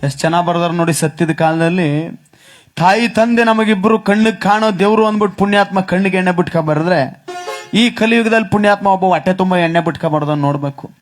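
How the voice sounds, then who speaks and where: A man's voice: high-pitched, brisk, soft background music. A man from the region, telling comic stories on stage in a rustic, teasing way. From Mysore region, Karnataka. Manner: rustic, teasing banter with acted-out quoted voices. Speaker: stage comedian and singer.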